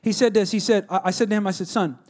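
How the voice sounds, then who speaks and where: A man's voice: high-pitched, steady tone, very fast, a little mellow. A man preaching a sermon, telling family stories in a conversational way and asking the congregation to respond. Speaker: pastor.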